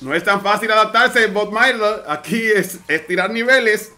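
A man doing energetic live play-by-play commentary on a fighting game match, urgently calling every move and addressing viewers directly. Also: high voice, moderate pace. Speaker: esports caster.

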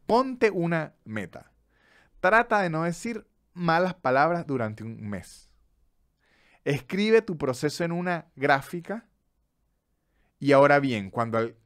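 A Venezuelan man chatting casually on a podcast, his voice sitting a bit high for a man. He talks with animation, stumbles and repeats syllables now and then, and acts out quoted lines as he goes. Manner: animated, stammers, quotes others in dialogue. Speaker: podcast co-host. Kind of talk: casual chat.

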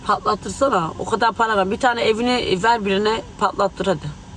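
A man's voice: sits high, steady tone, fairly quick, a bit bright, a little hiss or hum, low-quality recording. A man speaking angrily and agitatedly to tabloid reporters, swearing as he talks. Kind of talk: heated street remarks to the press.

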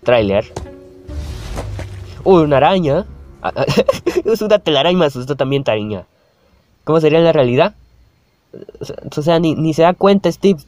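A man's voice: fairly high pitch, expressive, moderate pace, long pauses, darkish tone, soft background music. A young man, chatting and reacting to a video on his channel, laughing often and calling out at the screen. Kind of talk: casual reaction commentary.

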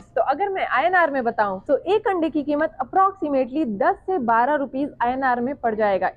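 Woman in her 30s vlogging in a big store, high voice, chatty, explaining stuff, dry lapel mic. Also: dry recording, narrow, tinny audio. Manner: chatty, explains prices to the camera. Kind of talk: casual vlog narration. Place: large supermarket, indoors.

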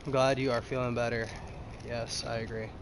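A man's voice: mid-range voice, level tone, brisk, noisy background. A young man live-streaming a game, chatting loosely with his viewers through a headset, full of fillers and restarts. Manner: rambling, addresses chat, many fillers. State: out of breath. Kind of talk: casual live-stream chat.

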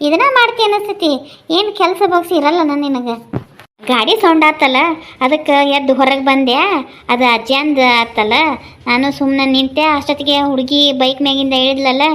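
A woman's voice: sits high, fairly bright tone. A woman with a North Karnataka Kannada accent, voicing chatty, teasing village gossip in a cartoon.

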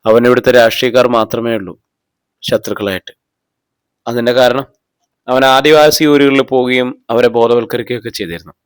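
A man's voice: medium pitch, steady tone, brisk, pauses often, clean tone, no echo, lightly acted. A man reading the lines of a middle-aged mother under police questioning, defending herself and growing indignant. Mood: explaining. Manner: defensive, voice rising when accused.

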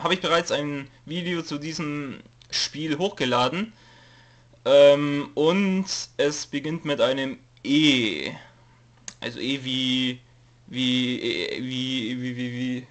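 His voice sits mid-range, slow and a little bright. The young man, who has a cold, is a YouTube let's player rambling through a casual channel update, hesitant and jokey, reading from a note and filling gaps with plenty of fillers.

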